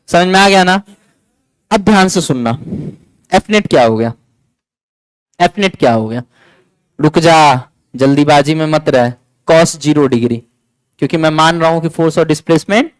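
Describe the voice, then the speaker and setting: Lively, chatty male physics teacher. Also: a little high, no echo, rough recording. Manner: chatty, scolds and coaxes students, repeats points. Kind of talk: classroom lecture.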